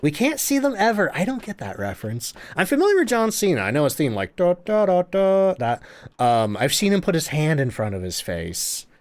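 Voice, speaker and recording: Man, game streamer, chatty, laughs a lot, bouncy animated pitch. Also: fairly quick. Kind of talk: live gameplay commentary, reading chat.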